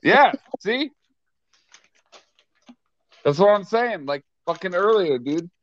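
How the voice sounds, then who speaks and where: A man talking as a podcast guest in casual crude banter, loud, yelling often and swearing constantly. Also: high voice, lively intonation, takes it slowly, muffled recording.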